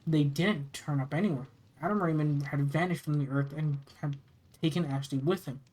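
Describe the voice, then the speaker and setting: Horror story narrator from the US, mid-pitched, halting read with repeated phrases and casual delivery. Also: darkish tone. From United States. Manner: halting reading, often stumbling and repeating phrases. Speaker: narrator reading scary stories. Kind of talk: reading a first-person horror story aloud, with casual asides.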